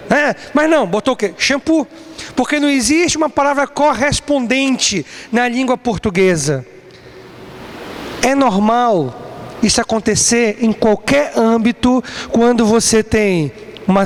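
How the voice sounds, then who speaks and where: A man teaching a Bible class as a lecture, who asks his students questions and answers them himself. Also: extremely high pitch. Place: church classroom. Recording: long reverb, faint background noise.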